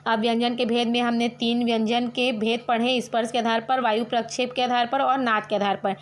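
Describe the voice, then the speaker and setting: A woman teacher with a fairly high voice walks her online students through a grammar lesson step by step, posing questions and then answering them herself. She sounds out the letters slowly, one at a time, with little pitch movement and a little hiss or hum in the background.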